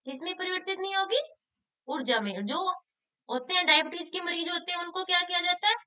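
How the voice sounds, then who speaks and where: A woman's voice: extremely high pitch, fairly quick, pushed and bright. A woman teacher, explaining exam questions and answering her own questions. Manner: asks questions then answers them herself; repeats key answers for emphasis.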